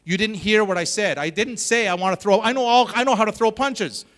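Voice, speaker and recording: A man's voice: sits high, brisk, a bit bright. A man playing an impatient young martial arts student in a big hall. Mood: frustrated. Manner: insistent, impatient pleading. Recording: long reverb of a large hall.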